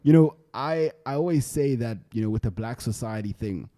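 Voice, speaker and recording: A man's voice: mid-range voice, expressive, moderate pace, mellow, no room sound, studio quality. A young man with a South African accent hosting a podcast in casual, slangy chat, often repeating his phrases. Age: young adult. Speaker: podcast host.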